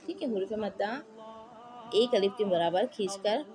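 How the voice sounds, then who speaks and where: A woman's voice: mid-range voice, animated, normal speed, a crowd in the background. A woman teaching Quran reading in a patient, explanatory way. She repeats each point and keeps checking that her students follow. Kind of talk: slow explanatory lesson with spelled-out drills.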